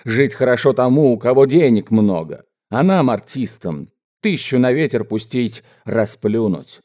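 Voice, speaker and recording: A man voicing a menacing mustached bandit gang boss, speaking in gruff, slow, threatening speeches in a storybook reading. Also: mid-range voice, lively intonation, dark tone, close to an everyday voice. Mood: haranguing.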